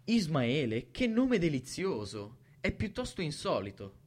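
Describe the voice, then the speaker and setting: A man voicing a bright, cheerful young mother who gushes and chatters. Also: on the high side, huge pitch swings, measured pace, pitched above the performer's own voice, heavily acted. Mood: bubbly. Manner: gushing, effusive.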